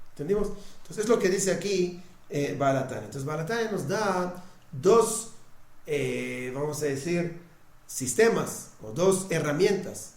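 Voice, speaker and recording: A man's voice: fairly high pitch, a little mellow, roomy sound. A man giving a lecture on Torah, often checking that his listeners follow and repeating words as he restarts. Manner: checks understanding often with short questions. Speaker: religion teacher.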